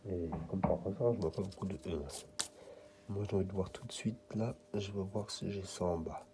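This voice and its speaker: A man's voice: deep voice, fairly even intonation, moderate pace, noisy background. A French man giving casual running commentary, muttering and half-whispering letters as he checks a card. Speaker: scratch-card vlogger.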